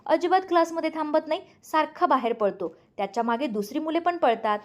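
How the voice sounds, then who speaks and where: A woman's voice: high voice, expressive, brisk, voice pushed up. Stern school principal woman, read by a woman narrator.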